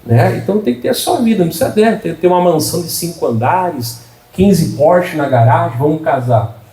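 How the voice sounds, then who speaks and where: A man's voice: a little high, lively intonation, fairly quick, mellow. A middle-aged man, preaching a folksy, humorous sermon and asking for amens from the congregation. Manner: humorous, folksy preaching with frequent call-and-response. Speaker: pastor. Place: church. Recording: echoey church from a distance.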